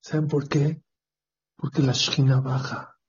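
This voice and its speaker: A speaker with a Mexican accent giving an emphatic religious talk with storytelling and questions to the audience. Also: female voice, very deep voice, level tone, measured pace, darkish tone, breathy edge. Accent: Mexican Spanish. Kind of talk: sermon with storytelling. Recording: dull lo-fi recording.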